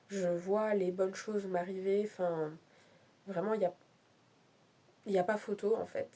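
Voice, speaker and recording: A woman's voice: medium pitch, warm tone. A young woman from France talking candidly in a casual personal vlog, rambling with many fillers and restarts. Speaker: vlogger.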